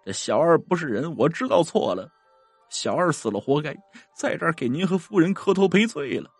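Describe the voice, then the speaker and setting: A man's voice: on the high side, expressive, measured pace, vocal fry, slightly rough, no echo, soft background music, voice pushed up, full character voice. A man voicing a remorseful young male servant who pleads through tears. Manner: sobbing and pleading.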